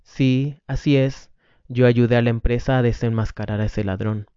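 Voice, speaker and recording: A man's voice: mid-range voice, steady tone, moderate pace, dark tone, clear, resonant tone, dry recording, natural voice. A man reading the lines of an angry, cornered man who curtly refuses to help, on a dull lo-fi recording. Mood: refusing. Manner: curt, defensive, refusing.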